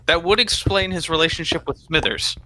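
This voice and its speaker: A man's voice: a little high, brisk, background noise. A man co-hosting a gaming podcast, explaining things in a wry, dry-humored casual chat. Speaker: podcast co-host.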